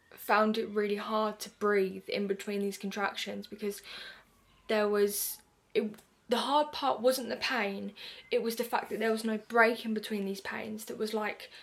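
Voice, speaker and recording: A woman's voice: mid-range voice, a bit bright. A young woman from the UK telling a personal story to camera in a chatty way, full of "like" and acted-out quotes. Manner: chatty, lots of "like", acts out her own quotes. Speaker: vlogger.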